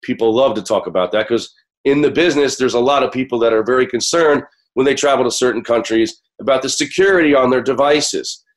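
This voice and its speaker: An American man hosting a radio show, sick and hoarse, his voice cracking as he talks conversationally to listeners. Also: medium pitch, a little fast.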